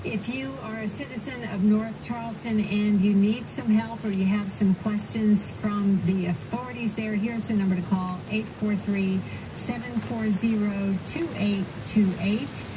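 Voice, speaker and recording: A woman's voice: mid-range voice, steady tone, a little slow, noisy background. A woman anchoring live storm news coverage, giving updates and safety advice in a partly ad-libbed way.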